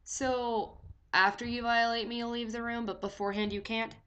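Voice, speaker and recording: Bright, chatty young woman vlogger. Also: fairly high pitch, moderate pace. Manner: chatty, animated, full of "like" fillers. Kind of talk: storytime vlog.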